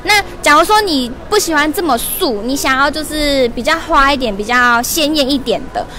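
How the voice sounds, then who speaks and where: Bubbly high-voiced young woman hosting. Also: animated, normal speed, sharp tone, slight background noise. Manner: bubbly, laughing, chatty. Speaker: livestream shopping host. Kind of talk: lively live-stream product promo. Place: large indoor shopping mall store. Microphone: wired lapel mic held in hand.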